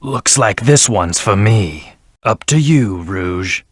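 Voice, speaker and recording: Haughty, brooding Shadow the Hedgehog, dry recording. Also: male voice, lowish voice, expressive, slightly rough, no echo, heavily acted. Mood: brisk, commanding. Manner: haughty, clipped, deliberate. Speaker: video game character. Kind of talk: video game voice lines.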